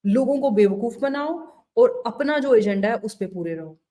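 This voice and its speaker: A woman's voice: a little high, animated, moderate pace, mellow, slight background noise. Indignant woman political commentator. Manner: indignant, mixes Hindi-Urdu with English. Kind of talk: opinion commentary to camera.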